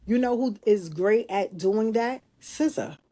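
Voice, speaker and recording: Female podcast co-host, mid-pitched, relaxed and chatty, lots of restarts. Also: measured pace. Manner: thinks aloud with many restarts and emphatic asides. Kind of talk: casual chat.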